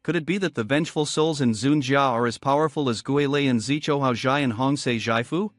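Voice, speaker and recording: A man's voice: mid-range voice, fairly quick, dry recording, close to an everyday voice. A man voicing a timid, earnest male town god who speaks politely and anxiously. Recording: dry with faint music.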